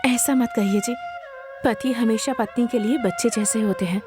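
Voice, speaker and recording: Meek devoted wife voiced by a woman, soft pleading delivery, high-pitched. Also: fairly even intonation, normal speed, music in the background, close to an everyday voice. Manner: pleading, submissive. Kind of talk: Hindi film dub acting. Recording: dubbed film with loud score.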